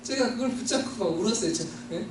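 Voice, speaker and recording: High-voiced man preaching in an echoey hall. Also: expressive, fast talker, slight background noise. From Seoul, South Korea. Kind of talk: sermon testimony. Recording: distant mic in echoey hall.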